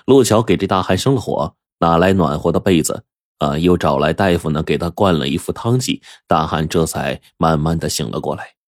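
A man telling a traditional story in a lively, colloquial, expressive way. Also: sits low, brisk, no echo, clean studio sound.

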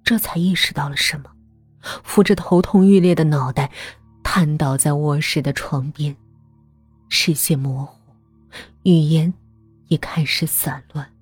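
A woman narrating a horror story in a hushed, half-whispered voice. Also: deep voice, steady tone, unhurried, long pauses, breathy edge, soft background music. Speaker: voice actor narrating.

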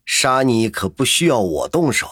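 A man's voice: medium pitch, expressive, moderate pace, a bit bright, slightly rough, dry recording, clean studio sound. A man voicing a cold, taunting mysterious captor who talks in a sneering, mocking way in an audio drama. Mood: cold menace.

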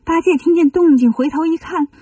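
A woman telling a children's story, reading in a gentle, lively way. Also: very high voice, brisk, dry recording, far from the mic.

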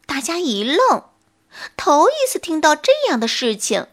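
Woman narrator for a children's bedtime story, high pitch, unhurried, tender. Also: huge pitch swings. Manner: slow, soft and tender.

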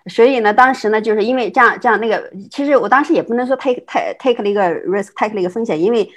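A middle-aged woman from China, a guest telling her life story in casual conversation, quick and full of restarts and laughs. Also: fairly high pitch. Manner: fast, with many repeated words and restarts, frequent laughs. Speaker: interview guest.

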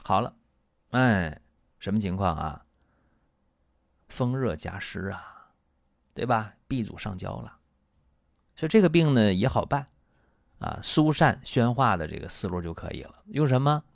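A man hosting a traditional Chinese medicine talk show in a lively, colloquial way. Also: lowish voice, unhurried, vocal fry, pauses often, no room sound, clean studio sound. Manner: lively and colloquial, acts out patients and doctors.

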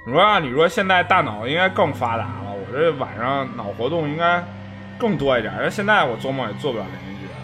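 A man of middle pitch whose voice rises and falls in a lively, animated way. He chats casually, thinking aloud in quick asides as he works through his ideas. Music plays clearly behind him. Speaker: co-host. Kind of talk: casual chat.

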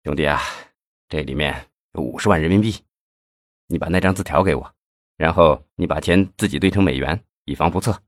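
A man reading the part of a scheming middle-aged male official, speaking low and conspiratorially. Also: brisk, dry recording, clean studio sound. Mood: hushed scheming.

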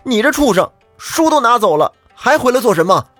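A man voicing a crowd of rough household servants who shout and jeer. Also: very high voice, normal speed, no echo, soft background music, voice pushed up. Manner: shouting, coarse.

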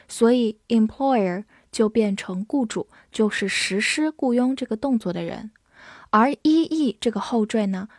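Woman English teacher, fairly high voice, dry close mic, clear and patient, spells words out. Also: darkish tone, no echo. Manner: clear, spells words letter by letter and reads slowly for repeating. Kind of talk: vocabulary lesson.

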